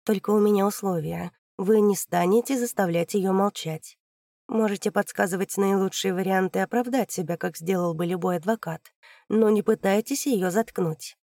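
A woman reading an audiobook, voicing a fearless female investigator who argues in a calm, methodical way. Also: medium pitch, normal speed, no room sound, clean studio sound, close to an everyday voice. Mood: pressing.

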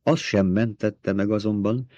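A man's voice: on the low side, steady tone, mellow, no echo, lo-fi sound. A man reading a novel aloud as an audiobook narrator, giving the dialogue small shifts between characters.

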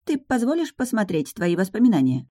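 A woman's voice: medium pitch, big pitch swings, brisk, warm tone, no echo, voice pushed up. A woman voicing a small sardonic male dragon familiar who teases and lectures. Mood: lecturing. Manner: teasing, dry, lecturing. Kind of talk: audiobook narration.

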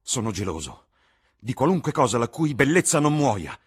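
A man's voice: mid-range voice, sing-song, normal speed, slightly rough, voice pushed up. A man voicing a vain, desperate young man terrified of growing old, speaking in a strained, impassioned way. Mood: anguished.

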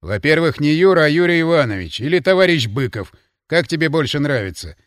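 A man's voice: on the high side, very animated, brisk, dry recording, studio quality. A man doing a curt commanding inspector. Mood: stern commands. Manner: curt, clipped orders. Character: stern male military inspector, curt and commanding.

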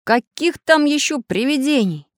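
A woman voicing a bossy little iron craftsman in a storybook reading, loud, commanding and grumbly. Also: mid-range voice, animated, brisk, no echo, studio quality, pitched above the performer's own voice, close to an everyday voice. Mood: stern. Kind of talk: storybook narration.

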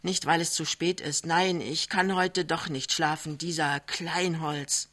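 A woman reading aloud who voices a worried, mild-mannered young clerk, speaking hesitantly and gently. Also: sits low, fairly even intonation, unhurried. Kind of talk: literary reading on radio.

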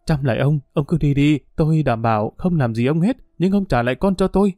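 A man's voice: medium pitch, fast, dark tone, no room sound, clean studio sound, natural voice. A man voicing a desperate mother who begs tearfully. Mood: pleading. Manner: pleading, tearful. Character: desperate young mother begging for her child.

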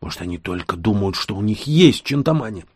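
Мужчина, читающий аудиокнигу, озвучивает самого юного хвана, напористого и дерзкого интригана. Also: male voice, lowish voice, sing-song, brisk, slightly rough, no room sound, studio quality. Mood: insistent. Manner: pushy, insistent. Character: youngest young male khan, brash schemer.

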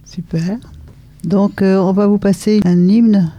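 A radio show host introducing a live broadcast and its guests from a studio, talking hesitantly with many filler pauses. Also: mid-range voice, fairly even intonation, dark tone.

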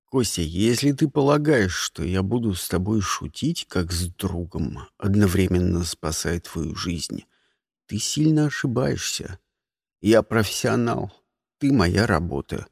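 Sardonic young male medic, voiced by a man: low, deliberate, oily politeness, slightly husky. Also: animated, no room sound, clean studio sound, exaggerated voice. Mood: clinical. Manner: low, measured, unctuous. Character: cool, cold young male doctor, sardonic professional.

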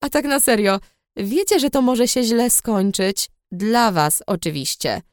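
A woman's voice: on the high side, animated, unhurried, dry recording, studio quality. A woman voicing a cheeky, playful young female alchemist who teases and laughs, in an audiobook reading. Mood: teasing. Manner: teasing, laughing. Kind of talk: audiobook character voice.

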